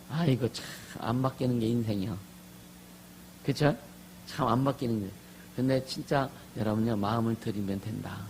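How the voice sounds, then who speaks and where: A pastor with a gravelly, fry-edged voice preaches a lively sermon, drawing amens from the congregation. His voice moves from murmured asides to full shouts, and a faint hum sits under the recording. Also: medium pitch, low-quality recording. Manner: animated, asks the congregation for amens, swings from soft asides to loud shouts.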